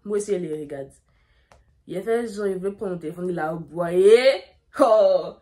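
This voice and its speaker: A young woman, telling a dramatic story in a lively way while doing her makeup. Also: fairly low pitch, normal speed. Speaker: beauty vlogger.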